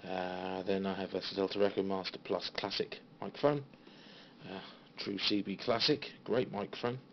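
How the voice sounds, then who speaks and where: With fairly even intonation and a low, creaky voice, a British man walks through his CB radio gear in a small home radio room. He's halting and understated in this informal show-and-tell, captured on a handheld phone as a dull recording with faint background noise.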